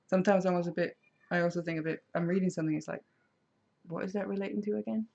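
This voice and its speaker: This Danish woman chats casually on a craft live stream, responding to comments from viewers. Her voice is on the low side and darkish, with vocal fry. The recording has a slightly dull, lo-fi quality.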